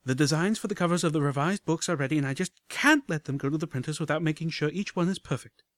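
A man's voice: a little high, fast talker, no room sound, pitched above the performer's own voice. A man voicing an elegant, fussy adult mare pony with a refined, affected way of talking, heard as a message played back from an old terminal. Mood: gushing. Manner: refined, affected, breezy talk. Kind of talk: audiobook character voice.

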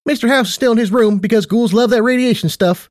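A man's voice: very high voice, fast, darkish tone, no echo, clean studio sound, pitched above the performer's own voice. A man voicing a perky, affectionate female pony who teases and chatters in a bubbly way. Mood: amused.

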